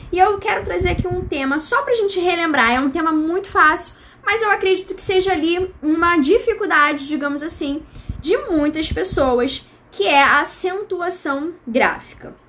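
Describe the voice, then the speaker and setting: A woman's voice: sits high, fairly bright tone, a little hiss or hum. A Brazilian woman teacher giving an online grammar lesson in a chatty style, with asides and imagined student questions. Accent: Brazilian Portuguese.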